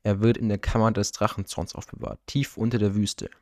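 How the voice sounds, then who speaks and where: A proud but nervous guardian of an ancient people, read by a man in a storybook audiobook, firm yet uneasy and respectful. His voice sits low, and the recording is dry and close. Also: little pitch movement, a little fast, darkish tone, no room sound, natural voice. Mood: earnest, uneasy.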